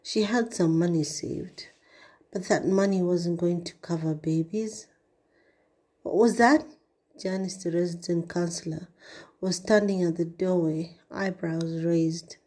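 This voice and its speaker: A woman narrating an audiobook in a measured way, sometimes dropping to a breathy hush. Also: on the low side, steady tone. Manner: measured, with breathy hushed passages. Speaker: audiobook reader.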